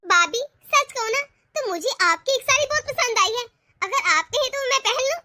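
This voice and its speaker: A woman performs a heavily acted, very high-pitched voice for a spoiled, eager young college girl in an animated family cartoon. She wheedles to get her way at a moderate pace, and there's no echo.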